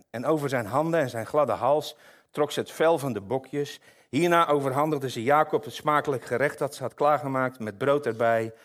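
A man preaching a sermon, reading a Bible passage aloud with lively asides to the congregation. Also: mid-range voice.

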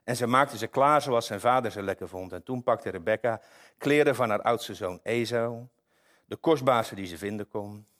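A man preaching a sermon, reading a Bible passage aloud with lively asides to the congregation. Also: lowish voice, moderate pace.

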